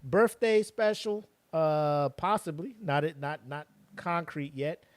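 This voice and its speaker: Man, podcast co-host, fairly high voice, very dry close sound, sarcastic, slangy. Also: slow, no room sound. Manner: animated, sarcastic, heavy slang. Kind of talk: casual chat.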